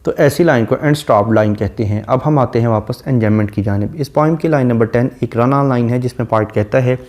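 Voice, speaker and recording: A man giving a literature lecture, explaining a poem line by line and reciting the English verses slowly before explaining them. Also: mid-range voice, a little mellow.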